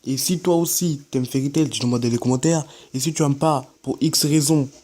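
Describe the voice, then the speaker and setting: A man's voice: mid-range voice, fairly even intonation, a little fast, mellow. A teenage boy giving a casual, slangy vlog rant, talking straight to his viewers. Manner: chatty, slangy, addresses viewers directly. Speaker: anime YouTuber.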